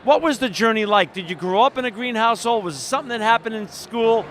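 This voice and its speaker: A man with a high, bright-pitched voice hosts an interview with an upbeat, eager manner. He is recorded at an outdoor festival with faint traffic noise behind him. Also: fast talker. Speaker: radio show host.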